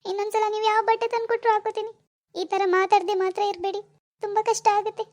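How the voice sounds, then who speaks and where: A woman's voice: extremely high pitch, level tone, quick pace, darkish tone. A woman voicing a tearful pleading young wife. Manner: apologetic, begging, keeps repeating sorry. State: crying.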